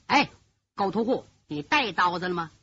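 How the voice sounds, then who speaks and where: A woman storyteller voicing a sly, short, blind old man in his fifties who mocks and scolds loudly. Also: lowish voice, animated, moderate pace, slight background noise, pitched below the performer's own voice. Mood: mocking. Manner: mocking, gruff scolding. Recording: dull lo-fi recording.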